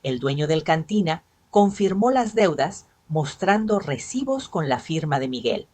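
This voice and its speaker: Low-pitched female storyteller, steady and even, reading a dramatic first-person tale. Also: measured pace, dry recording.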